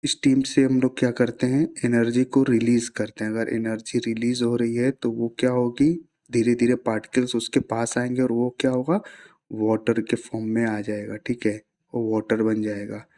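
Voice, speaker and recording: A man's voice: medium pitch, little pitch movement, normal speed, dark tone. A man, teaching science in a casual classroom-style explanation, asking himself rhetorical questions and mixing in English terms.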